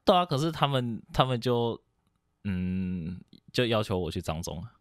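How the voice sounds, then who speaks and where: A young man from Taiwan chats on a podcast in a lowish voice, circling around his point with many fillers and false starts. He sounds close to the mic in a small quiet room, and the sound is dry. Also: very animated, moderate pace, no room sound. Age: young adult. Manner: hesitant, rambling with many fillers and restarts. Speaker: podcast guest. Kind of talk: casual chat.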